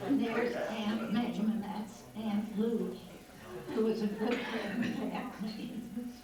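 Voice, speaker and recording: A woman's voice: fairly high pitch, fairly even intonation, slow, crowd noise. An older woman casually reminiscing over an old home movie, unhurriedly pointing people out by name. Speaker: family member narrating old home movie. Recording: very echoey, distant, loud background noise.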